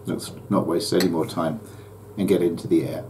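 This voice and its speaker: A man's voice: deep voice, moderate pace, creaky, background noise. An older man, a hobby pilot, talking casually to camera about his flying and his videos, with frequent ums and uhs. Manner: relaxed and chatty, with many ums and uhs. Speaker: private pilot vlogger. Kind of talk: casual vlog chat.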